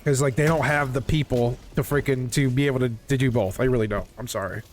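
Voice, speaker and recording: A man's voice: medium pitch, fairly even intonation, quick pace, slight background noise. A man in a casual gaming chat, complaining insistently and repetitively with frequent casual swearing. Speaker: video game player.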